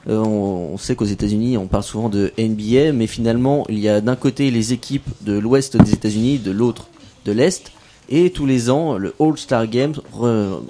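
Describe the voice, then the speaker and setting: Man, radio host, relaxed warm tone, playful, encouraging, chatty. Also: medium pitch. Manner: playful, self-mocking and encouraging. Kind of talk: casual radio chat with children.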